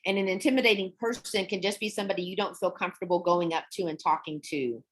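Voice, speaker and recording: A young adult woman teaches English online, explaining words in a relaxed, chatty style and laughing often. She has a lowish voice and talks fast.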